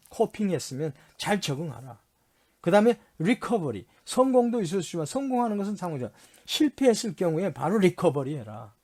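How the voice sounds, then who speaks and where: A man's voice: high-pitched, darkish tone. A male university lecturer reviewing course material, repeating and spelling out key terms and answering his own questions. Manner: repetitive, drills key terms, spells them out; mixes English terms into explanations.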